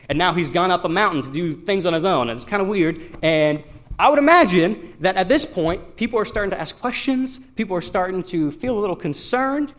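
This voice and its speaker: A young man from Iran gives a devotional talk to a youth crowd in a casual, self-deprecating way. His voice sits a touch high, and he keeps restarting his sentences with fillers. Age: young adult. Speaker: student speaker at a youth gathering.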